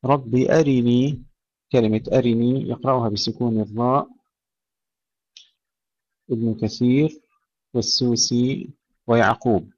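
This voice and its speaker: A man teaching tajweed, reciting verses slowly and melodically, then explaining the rules quickly. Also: mid-range voice, fairly even intonation, dry recording. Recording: dry, muffled lo-fi recording.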